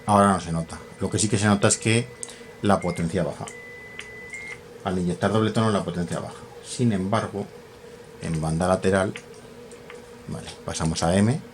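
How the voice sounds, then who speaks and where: Low-voiced man hosting a relaxed hands-on radio gear tutorial, halting and self-correcting, faint background ambience. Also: slight background noise. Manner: thinks aloud, self-correcting, many fillers. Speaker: radio equipment tutorial host. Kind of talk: casual hands-on equipment demonstration.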